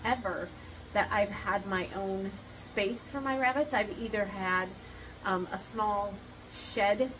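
Middle-aged woman, casual rabbit-keeping vlog, loose and chatty with frequent ums; recorded a little off-mic with steady background noise. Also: mid-range voice, recorded from a distance, poor audio. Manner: chatty, many ums, restarts. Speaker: rabbit keeper vlogger. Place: barn with cement floor, then outdoors in a yard. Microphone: camera a little way off. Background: passing motorcycles and outdoor ambience.

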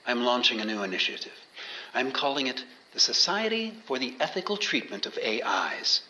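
An actor playing an intense, mystical male sculptor and researcher who talks slowly, at times in a near-whisper. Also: medium pitch, very animated, bright, forceful tone, a little hiss or hum, poor audio. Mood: cold. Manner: slow, intense, half-whispered. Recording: crowd murmur behind.

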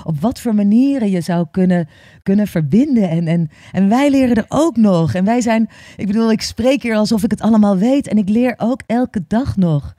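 A woman's voice: medium pitch, lively intonation, moderate pace, dark tone, no room sound, clean studio sound. A woman, a yoga teacher, talking openly as a podcast guest, earnest and often repeating words while she searches for them. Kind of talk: open conversational interview.

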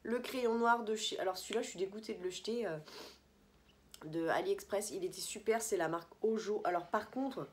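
A woman's voice: mid-range voice, a little fast, a little hiss or hum. A woman chatting casually through a beauty product review vlog in a holiday apartment, rambling and correcting herself with many fillers. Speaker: beauty vlogger.

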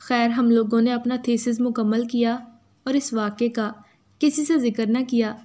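Mellow-voiced woman narrating a story. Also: on the high side, steady tone, normal speed. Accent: Urdu. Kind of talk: scripted first-person story narration.

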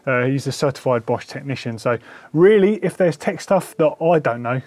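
A man's voice: medium pitch, expressive, normal speed, darkish tone. A man in his forties, chatting enthusiastically as he tours a bike workshop and thinks aloud. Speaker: presenter. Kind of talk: casual workshop tour. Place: indoor bike workshop shed.

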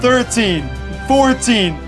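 A man's voice: very high voice, expressive, takes it slowly. A young adult man taking part in a challenge indoors, chatting casually and teasing his friends. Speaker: challenge contestant. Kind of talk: casual chat, teasing banter. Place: indoors in a basement games room. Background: music.

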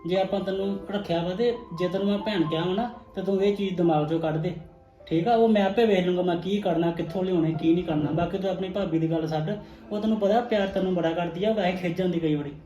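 A man playing a patient, kindly husband and elder brother in a family drama, speaking in a calm, reassuring way. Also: high-pitched, quick pace, recorded from a distance, dull audio, natural voice. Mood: soothing. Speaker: actor in a family web drama. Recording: echoey room, faint music.

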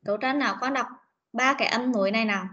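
Woman, Vietnamese accent, online English teacher, coaxing, slightly high voice, dull call audio. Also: quick pace, bright, forceful tone. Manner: patient, coaxing. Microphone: computer mic on a video call.

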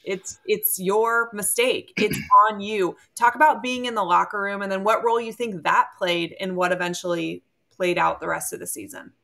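A woman's voice: medium pitch, fairly even intonation, normal speed, gravelly, bright, forceful tone. A woman hosting a casual interview, asking friendly, lightly teasing questions. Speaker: host.

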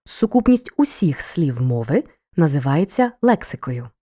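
A woman narrating a scripted school lesson for children, explaining each point in a clear, measured way. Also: deep voice, sing-song, dark tone. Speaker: teacher.

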